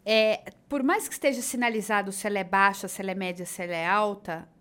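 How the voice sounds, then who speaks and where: A woman's voice: mid-range voice, fast, fairly bright tone. A woman with a Brazilian Portuguese accent, co-hosting a podcast, who chats casually and explains her ideas through everyday comparisons. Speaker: podcast co-host.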